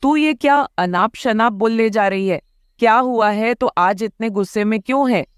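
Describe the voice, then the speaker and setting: A woman's voice: on the high side, moderate pace, smooth, no echo, studio quality, natural voice. A woman voicing a scheming, nagging old mother-in-law bird in a cartoon, scolding and wailing dramatically.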